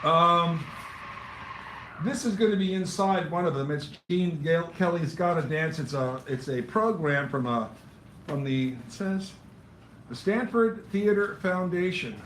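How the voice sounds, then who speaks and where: A man's voice: fairly high pitch, unhurried, fairly bright tone, distant mic, a little hiss or hum. A man hosting a poetry open mic in a cafe, rambling through announcements with wry asides. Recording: echoey cafe room recorded from afar.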